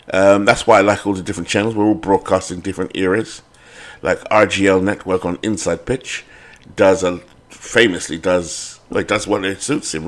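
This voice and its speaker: Hosting a baseball sim game channel, a British man chats casually and rambles, using fillers and correcting himself. His voice sits low.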